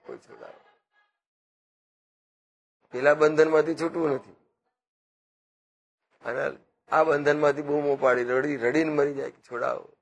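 Husky-voiced man giving a devotional talk. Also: on the high side. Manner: slow, repetitive parables with quoted dialogue. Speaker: spiritual speaker. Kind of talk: devotional discourse.

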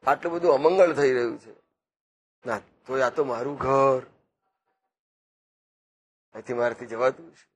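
Male spiritual speaker, husky, unhurried parable-telling sermon style. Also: mid-range voice. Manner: slow, repetitive parables with quoted dialogue. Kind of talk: devotional discourse.

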